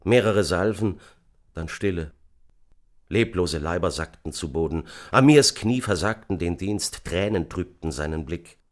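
A man reading an audiobook in a measured, dramatic narration. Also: deep voice, lively intonation. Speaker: audiobook reader. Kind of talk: scripted narration.

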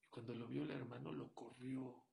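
A man giving a sermon, telling a story and swinging from hushed to loud as he makes his point. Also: mid-range voice, steady tone, normal speed, creaky. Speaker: rabbi.

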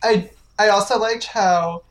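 A woman chatting casually as a podcast co-host, relaxed and measured, with frequent murmured agreement. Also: mid-range voice. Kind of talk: casual chat.

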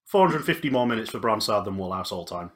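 A man's voice: fairly low pitch, animated, fast talker, crowd noise. A man co-hosting a sports podcast who argues his picks with statistics and firm emphasis. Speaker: podcast co-host. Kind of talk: casual sports chat.

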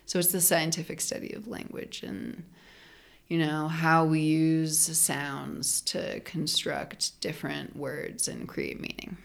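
Speaking slowly, a young female linguist and anthropologist guests on a casual podcast interview, her voice sitting a bit low with a gravelly, fried quality. Her explanations are loose and chatty, threaded with plenty of "like" and "um," and she laughs while explaining, so it comes across as easygoing talk instead of a lecture.

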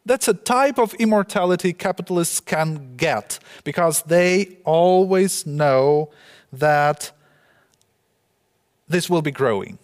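A man lectures slowly and deliberately, his slightly high voice pausing between phrases. His words ring out with a long echo that fills a large hall. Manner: halting, measured, with frequent pauses. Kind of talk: academic lecture.

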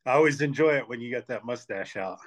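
A man's voice: mid-range voice, fast talker. Easygoing man, podcast guest. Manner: easygoing, brief agreeing replies. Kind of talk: casual interview chat.

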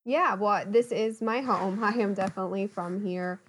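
A woman's voice: mid-range voice, moderate pace, a loud crowd. A woman, a guest chatting in a casual podcast interview, friendly and laughing often. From Ohio, USA. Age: 30s.

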